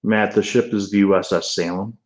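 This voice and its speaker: A man's voice: on the low side, level tone, a little fast. A man on an investigation team, chatting casually on a live stream as he gives directions and relays viewer questions.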